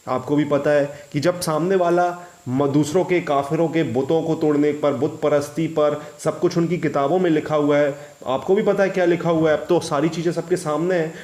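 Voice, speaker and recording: A man hosting a reaction video, talking to viewers in an agitated, halting way and restarting often. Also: on the high side, darkish tone. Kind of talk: casual commentary to viewers.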